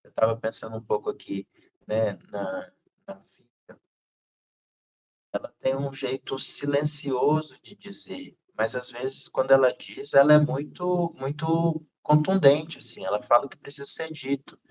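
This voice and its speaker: A man hosting a casual film discussion, speaking in a thoughtful, unhurried way with frequent fillers. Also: medium pitch. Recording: slightly dull lo-fi sound.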